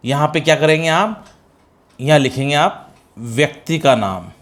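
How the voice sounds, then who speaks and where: A man's voice: a little high, lively intonation, measured pace, a bit bright. A middle-aged man with an Indian accent, teaching spoken English step by step, calling students "beta" and answering his own questions. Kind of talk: classroom-style spoken English lesson.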